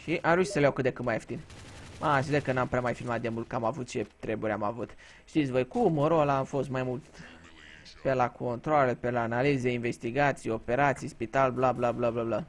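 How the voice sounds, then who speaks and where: A man's voice: medium pitch, steady tone, a little hiss or hum. A man from Romania giving casual gameplay commentary, telling crude, joking stories and swearing freely. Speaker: gaming YouTuber.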